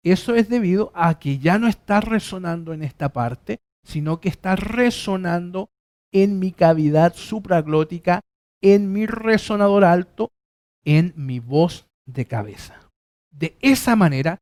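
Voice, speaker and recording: A man teaches a singing lesson in a fairly high speaking voice. He explains patiently and restates each point in several ways. Now and then he stops to sing a held vowel as a demonstration. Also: darkish tone. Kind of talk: vocal lesson with sung demonstrations.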